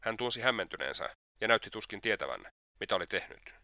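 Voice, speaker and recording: A man narrating an audiobook in a steady, measured reading. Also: fairly low pitch, no echo, studio quality. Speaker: audiobook reader.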